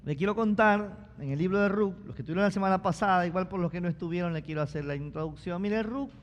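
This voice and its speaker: Brief: male pastor, high voice, preaching with shouted calls and call-and-response, long church reverb. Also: fast, highs cut off. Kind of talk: sermon. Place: church sanctuary.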